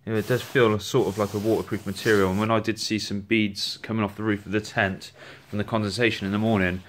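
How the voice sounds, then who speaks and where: Brief: a man, lowish voice, relaxed and chatty, reviewing gear on a handheld phone at home. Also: fast, slight background noise. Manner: chatty, relaxed, with frequent restarts. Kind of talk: casual product walkthrough. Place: indoors at home, on a rug.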